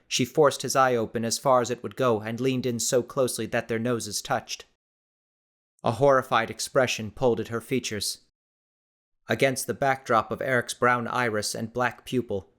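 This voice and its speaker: A man narrating an audiobook in a steady, measured storytelling voice. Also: mid-range voice. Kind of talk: scripted narration.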